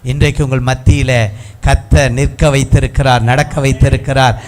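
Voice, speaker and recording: A man from Nadu, preaching a sermon as a pastor and building to drawn-out, shouted proclamations. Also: mid-range voice, level tone. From Tamil Nadu. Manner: rising to drawn-out shouted proclamations with calls of hallelujah.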